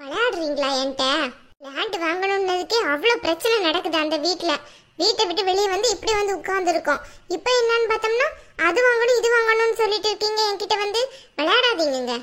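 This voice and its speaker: A young wife in a family drama skit who pleads and defends herself against blame, played by a woman. Her voice is very high and bright, and her protests sound earnest and worried. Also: expressive, quick pace. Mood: pleading. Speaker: actor.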